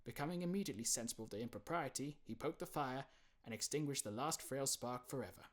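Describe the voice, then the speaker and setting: A man's voice: mid-range voice, fast. A man narrating a classic novel as a dramatic, scripted audiobook reading.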